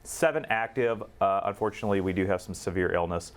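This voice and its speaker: A man with a somewhat low voice gives expert medical commentary. He explains in a measured way, pausing on the occasional filler as he works through his points. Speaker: medical director, infectious disease expert.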